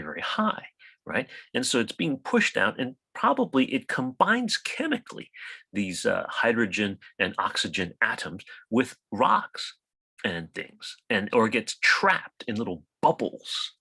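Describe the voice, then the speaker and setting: A man giving a college science lecture, lively and chatty, often checking in with "right?" and asking his class questions. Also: on the low side, a little slow, vocal fry, husky, dry recording, low-quality recording. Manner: animated, rhetorical questions with frequent "right?". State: coughing, hiccups.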